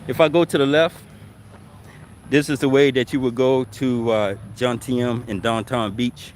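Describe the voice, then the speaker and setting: A man's voice: mid-range voice, a little slow, slight background noise. Man talking muffled through a face mask. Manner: relaxed, rambling, self-correcting. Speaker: vlogger. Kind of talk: casual walking vlog chat. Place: outdoors on city streets and in a park.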